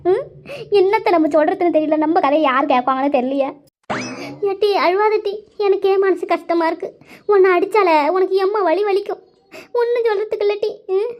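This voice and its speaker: A woman's voice: extremely high pitch, lo-fi sound. A woman voicing a wronged young village woman, talking in a whiny, complaining way.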